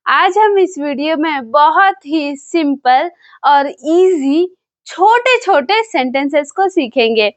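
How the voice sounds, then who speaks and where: A woman teaching phrases in a slow, patient lesson, repeating each one. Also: high voice, expressive, no echo. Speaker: language teacher.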